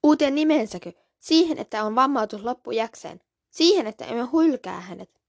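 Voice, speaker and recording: A woman's voice: a little high, a little mellow, dry recording, clean studio sound. A woman voicing an angry tomcat who protects the kits in a storybook reading, speaking sharply and accusingly. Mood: indignant. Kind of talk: audiobook reading.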